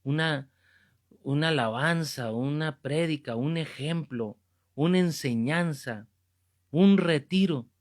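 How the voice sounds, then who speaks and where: A man's voice: on the high side, slow pace. Fervent preacher man in his fifties. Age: 50s. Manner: fervent, emphatic, repeats key phrases. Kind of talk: Bible class preaching.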